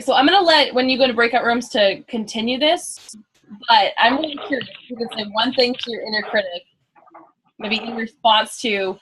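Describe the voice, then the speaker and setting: A woman's voice: medium pitch, a bit bright, poor audio. A woman coach trainer leading a live coaching demonstration, curious and probing, with an upbeat way of asking questions.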